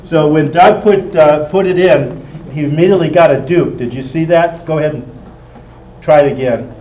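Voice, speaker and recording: A man whose voice sits on the high side, with a darkish tone and normal speed, instructs an amateur radio club group in a practical, explanatory style, regularly checking comprehension. The recording comes from an echoey indoor meeting room through a distant, dull mic, with faint noise.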